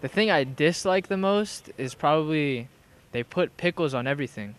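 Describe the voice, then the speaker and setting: Low-key man from Maryland. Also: expressive, normal speed, smooth. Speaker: soccer player. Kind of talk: casual interview chat. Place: outdoors by a river.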